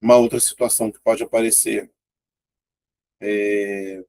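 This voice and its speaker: A man's voice: on the low side, level tone, unhurried, darkish tone, a little hiss or hum. A man with a Brazilian Portuguese accent teaching an exam-prep grammar lesson in a casual, chatty way, often pointing things out and checking in with his students.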